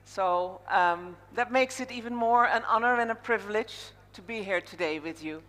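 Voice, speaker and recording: A Dutch woman with a mid-range, slightly bright voice speaks at a normal speed, hosting a live conference opening in a relaxed, informal way. She is on stage in a large indoor hall, and the PA sound carries an echoey big-room reverb.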